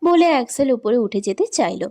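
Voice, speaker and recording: A woman reading a romance story in scripted narration, with steady, even storytelling. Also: a little high, a little fast.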